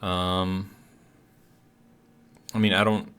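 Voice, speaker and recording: Extremely slow and flat, this man's low voice comes through clean and a bit bright. He hosts a gaming video series and talks casually and hesitantly through the gameplay, his words slightly awkward from a bitten tongue that's healing.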